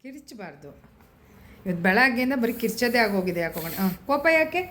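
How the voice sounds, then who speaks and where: A woman's voice: fairly high pitch, expressive, very fast, very noisy. A woman coaxing and soothing a crying baby in teasing baby talk. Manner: sing-song, teasing, soothing. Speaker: family member talking to a baby.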